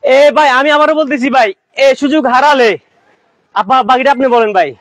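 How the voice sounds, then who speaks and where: A man pitching bedding on a live sales stream, pushy and repetitive, calling viewers brother. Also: a little fast, fairly bright tone, no room sound. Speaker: shop seller.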